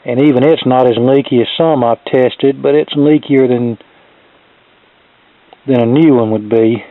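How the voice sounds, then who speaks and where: Here the middle-aged electronics hobbyist speaks at medium pitch in a steady tone, a little slowly, as he casually explains a repair from his workshop in a folksy, down-to-earth way. No room sound comes through, and the audio is narrow and tinny like a phone, close and dry.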